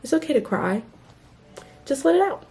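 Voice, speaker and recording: A gentle, caring teenage boy from a storybook, read by a young woman. The read is plain, with a gravelly edge. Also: sits high, big pitch swings, moderate pace, soft background music, voice pushed up, full character voice. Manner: plain read-aloud of dialogue.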